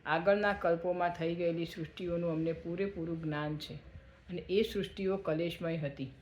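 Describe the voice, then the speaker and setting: A man voicing a calm, respectful young male sage who speaks politely and in a measured way. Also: on the high side, a little hiss or hum, close to an everyday voice. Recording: echoey room.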